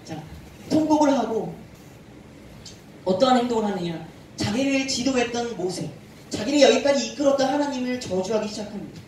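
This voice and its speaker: A man who is a youth pastor, preaching a sermon to a youth group and telling the story in a lively way while quizzing his listeners. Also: extremely high pitch, brisk, long pauses, slight background noise. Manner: animated storytelling, quizzes the audience. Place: church hall. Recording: echoey hall, far from the mic.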